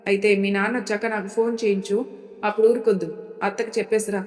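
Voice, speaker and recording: A woman's voice: medium pitch, level tone, fast talker, darkish tone, close to an everyday voice. Woman voicing a curt, commanding young husband. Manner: curt, authoritative. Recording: reverberant room.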